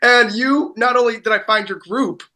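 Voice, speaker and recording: A woman hosts a relaxed podcast conversation, circling around her points with frequent fillers and restarts. Her voice has a bright, clear edge. She keeps an easy, chatty interview tone. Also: on the high side, normal speed. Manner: warm, rambling, many fillers and restarts. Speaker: podcast host. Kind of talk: casual interview.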